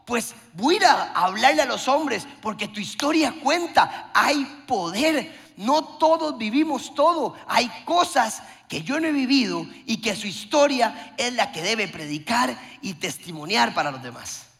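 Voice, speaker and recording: A man's voice: very high-pitched, animated, unhurried, creaky, few pauses, fairly bright tone. A man preaching a sermon with passion, acting out short dialogues. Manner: impassioned preaching with acted-out dialogues. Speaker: pastor. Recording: long hall reverb.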